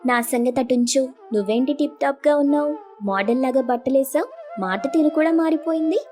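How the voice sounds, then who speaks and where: A woman voicing a humble, hardworking younger sister who speaks gently and earnestly. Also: high voice, expressive, normal speed, faint music behind, pitched above the performer's own voice. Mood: gentle. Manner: gentle, soft-spoken and earnest.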